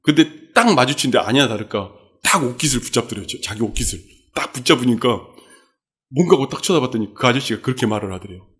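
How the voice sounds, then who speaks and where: A man's voice: medium pitch, expressive, fast talker, a bit bright. A male pastor giving a midweek sermon, telling stories and acting out the quotes in them. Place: church sanctuary.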